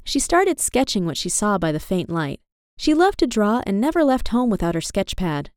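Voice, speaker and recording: A woman narrating a children's storybook aloud in an expressive reading style. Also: medium pitch, normal speed, clear, resonant tone, no echo, clean studio sound.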